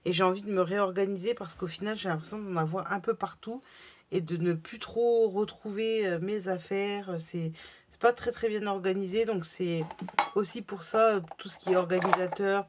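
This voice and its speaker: A woman talks through her craft haul in a relaxed, chatty way. She pauses often to search for words and restarts her phrases, and her voice sits at an ordinary mid pitch. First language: French. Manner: chatty, hesitant with many fillers. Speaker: crafting vlogger. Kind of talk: casual haul video.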